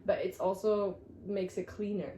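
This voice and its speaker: A woman's voice: mid-range voice, level tone, moderate pace, mellow, roomy sound, a little hiss or hum, rough recording. Easygoing young woman from Sweden. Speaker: guest. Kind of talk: casual chat.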